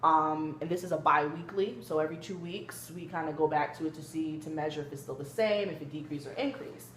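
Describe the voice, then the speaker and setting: Woman playing a low-voiced, gentle, hesitant therapist, echoey room. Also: fairly quick. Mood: calm, explaining. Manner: hesitant, hedging with frequent kinda and you know. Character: gentle female therapist leading a family session. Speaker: student clinician in a role play. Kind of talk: amateur therapy role-play, conversational explaining. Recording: echoey room with background noise.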